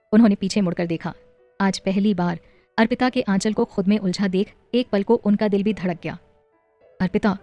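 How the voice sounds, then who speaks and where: A woman narrates an emotional family audio story in a steady, scripted voice. Her pitch sits in the middle range, and the recording is dry and close, with faint music underneath. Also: no echo, highs cut off.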